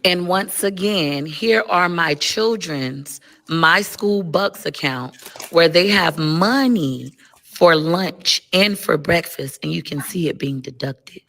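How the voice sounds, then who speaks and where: A woman's voice: fairly low pitch, takes it slowly, vocal fry, a bit bright, rough recording. An angry mother ranting with heavy profanity and repeating her points. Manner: heated, profane, repeating herself. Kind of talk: angry rant in a video clip.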